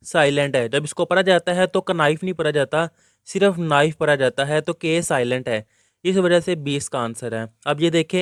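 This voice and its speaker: Male teacher, fairly high voice, smooth and clear, close dry mic. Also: dry recording. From Pakistan. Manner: explains step by step, reads questions out slowly in English. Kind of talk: exam guide lesson.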